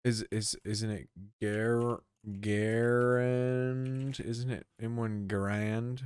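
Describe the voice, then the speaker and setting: A man's voice: lowish voice, flat delivery, slow, a little mellow, clean tone. A young man co-hosting a podcast in casual chat, laid-back and swearing freely. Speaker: podcast co-host.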